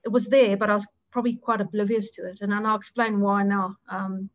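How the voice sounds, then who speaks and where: A middle-aged South African woman, an Afrikaans native speaker with a South African accent, is an audit partner being interviewed. Her medium-pitched voice is flat and fairly quick, recorded dry, and her answers are full of ums and restarts.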